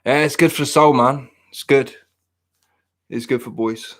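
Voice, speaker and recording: A man in his thirties who hosts a podcast chats casually, wandering off topic, teasing himself, and restarting often. His voice is mid-range and fairly bright, with a steady tone and measured pace.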